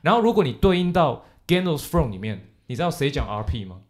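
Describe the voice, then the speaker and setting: A man's voice: a little high, very animated, brisk. A young man chatting casually, explaining at length and mixing English words and phrases into his talk. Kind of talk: casual chat.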